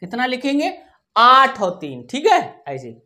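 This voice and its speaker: This teacher's voice is high and bright, with a forceful tone, huge swings in pitch and a measured pace. She takes children through a primary maths lesson, repeating every number one digit at a time and often asking "theek hai" to make sure they're with her.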